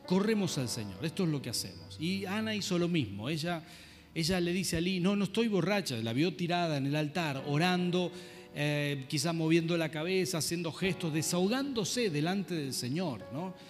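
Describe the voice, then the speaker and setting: A man preacher delivers a storytelling sermon in a fairly high voice. He keeps checking in with his listeners as he goes. His words ring out in a long church reverb while soft instrumental music plays behind him. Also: lively intonation, moderate pace. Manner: storytelling, asks listeners for agreement.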